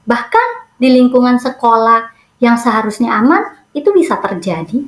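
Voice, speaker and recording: A woman's voice: a little high, very animated, normal speed, reverberant. A woman hosting a podcast, telling a listener's story in a chatty way and talking straight to her audience with rhetorical questions. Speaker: podcast host. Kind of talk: casual scripted podcast narration.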